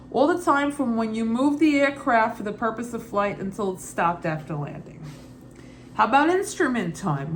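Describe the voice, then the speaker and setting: A woman with a loose Brooklyn accent reads study questions and answers aloud informally, repeating and rephrasing as she thinks through them. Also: on the high side. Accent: Brooklyn, put on loosely and unevenly. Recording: clearly noisy ambient background.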